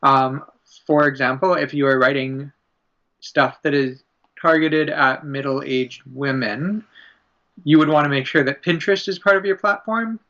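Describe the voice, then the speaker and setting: A man co-hosting a casual podcast, thoughtful and hesitant, pausing to find his words. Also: fairly high pitch, fairly even intonation, pushed and bright. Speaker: podcast co-host. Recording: slightly muffled podcast audio.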